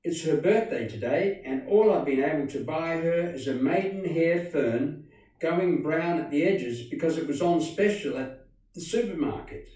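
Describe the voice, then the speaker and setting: A polite, eager young girl, voiced lightly by a male storyteller, a little higher than his own voice. The sound is distant and very echoey, with a mellow tone. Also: expressive, normal speed, natural voice. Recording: very echoey room, distant mic.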